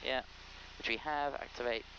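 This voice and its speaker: A pilot in his thirties, wearing an aviation headset with a boom mic, briefs another pilot on procedures in the cockpit of a small light aircraft in flight. His medium-pitched voice stays steady at a moderate pace, delivering methodical, clipped checklist phrases over background noise.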